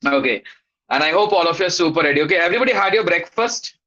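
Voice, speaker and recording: Speaking in a fairly high, bright and forceful voice, a male teacher with an Indian accent talks very fast and expressively. He leads a live online class for children, greeting and checking in with them casually in an upbeat, encouraging way. The audio is slightly dull and lo-fi.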